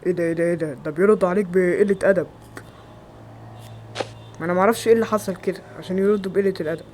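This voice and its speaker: A man with an Egyptian Arabic accent acting several everyday roles in a homemade skit, with quick, exclamatory lines. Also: high voice, slight background noise, close to an everyday voice. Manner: quick, loud, exclamatory dialogue. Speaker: amateur actor.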